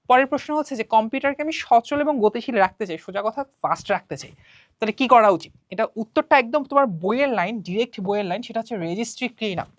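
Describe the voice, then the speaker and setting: A woman's voice: medium pitch, dry recording. A young woman teaching an online class, talking casually and asking and answering her own questions as she works through quiz items.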